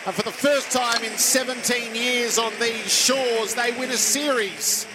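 A man calling live cricket as a commentator, excitedly shouting the play. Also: very high voice, unhurried. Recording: broadcast clip with loud ground noise.

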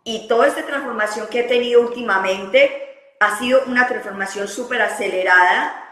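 A woman's voice: a little high, normal speed, fairly bright tone, reverberant, rough recording. A woman hosting a podcast, speaking candidly and reflectively in casual conversation, often repeating words as she gathers her thoughts. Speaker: podcast host.

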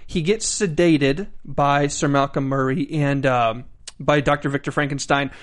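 A man's voice: on the high side, unhurried. A man hosting a casual panel chat in a studio, upbeat and joking. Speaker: host.

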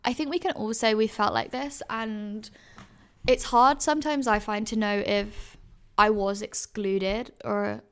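Podcast host, woman, early twenties: chatty advice talk, filler-heavy, vocal fry. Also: medium pitch, fairly even intonation, measured pace. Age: 20s. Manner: chatty, many fillers and self-corrections. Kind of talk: casual advice chat.

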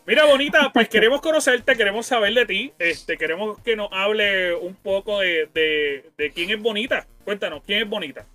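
A man hosting a casual interview, laid-back and slangy, quick to laugh. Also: sits high, sharp tone, soft background music. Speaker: podcast host.

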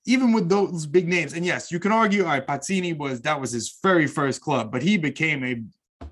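A man hosting a podcast interview, excitably stacking repeated words as he builds his questions. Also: a little high, normal speed. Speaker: podcast host. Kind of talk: casual interview chat.

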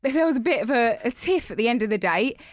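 Higher-voiced, opinionated woman chatting. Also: animated, fast, no room sound, studio quality. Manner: opinionated, informal. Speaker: podcast co-host. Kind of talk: casual chatty discussion.

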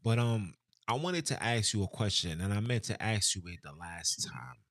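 A man's voice: lowish voice, animated, moderate pace, fairly bright tone, no echo, clean studio sound. A man hosting an interview, asking probing questions and often repeating his words as he starts. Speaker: host. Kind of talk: casual interview talk.

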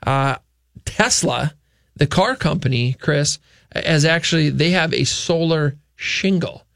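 A gravelly-voiced man hosts a live call-in radio show, his pitch sitting a little high for a man. He talks fast, stumbling into restarts and fillers. The studio sound is close and dry. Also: fairly bright tone, no room sound.

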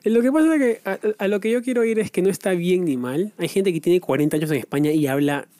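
Peruvian male podcast co-host, chatty and explanatory, mellow tone, dry booth sound. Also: high voice, fast, dry recording. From Peru. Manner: talkative, explains at length with many restarts. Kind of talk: casual chat.

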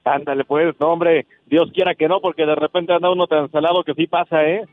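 A man's voice: on the high side, steady tone, brisk, no room sound. A man with a Mexican accent chatting casually as a guest calling in to a live show. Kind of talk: casual conversation. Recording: dull lo-fi remote audio.

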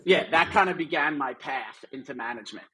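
A man's voice: on the high side, lively intonation, brisk, bright, forceful tone, slight background noise, low-quality recording. A middle-aged man, a guest on a podcast, telling stories about his career in a casual, rambling way with lots of fillers. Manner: chatty, rambling with many asides and fillers. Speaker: guest, artist manager. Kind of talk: casual interview storytelling.

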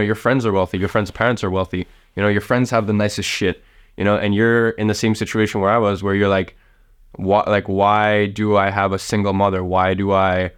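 A young man in his late teens from southern Russia, with a smooth, lowish voice, gives casual motivational advice to the camera. He's a vlogger offering life tips, rambling along, swearing often and leaning heavily on fillers.

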